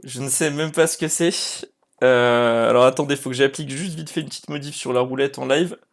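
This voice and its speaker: A man streaming live and running a prize draw, chatting casually and excitably with his viewers by name. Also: mid-range voice, a little fast, gravelly.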